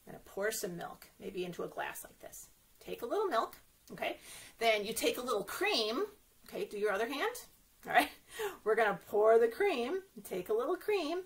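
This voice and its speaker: Speaking at a normal speed, this woman has a fairly high, sing-song voice. She's hosting an interactive children's story time as a librarian, cheering the kids on and often asking them questions directly.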